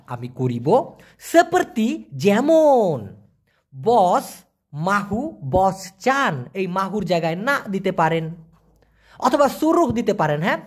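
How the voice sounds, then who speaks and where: A man giving an online language lesson, answering viewer questions and slowly repeating foreign words for pronunciation. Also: high voice, husky. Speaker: language teacher.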